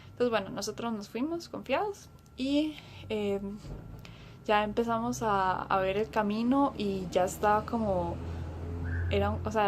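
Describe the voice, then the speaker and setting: A woman's voice: on the high side, a little hiss or hum. A woman casually recounting an experience, hesitating often and acting out the dialogue as she quotes it. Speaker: interviewee. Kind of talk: casual recollection.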